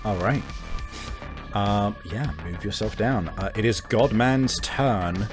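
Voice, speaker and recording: A man's voice: lowish voice, slow pace, music in the background. A man running a tabletop game as game master, talking casually with frequent swearing and fillers.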